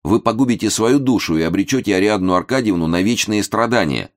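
A man's voice: on the low side, sing-song, fairly quick, pitched above the performer's own voice. A man voicing a nervous young clerk who pleads earnestly and politely. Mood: pleading.

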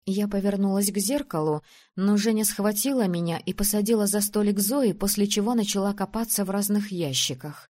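Woman reading a novel out loud, calm steady first-person narration. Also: medium pitch, a little fast. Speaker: audiobook narrator.

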